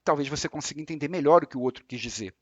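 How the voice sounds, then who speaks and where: A man with a Brazilian Portuguese accent giving a spiritual lecture, explaining calmly and repeating his points with examples. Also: a little high, rapid-fire, no echo, dull audio. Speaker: religious lecturer.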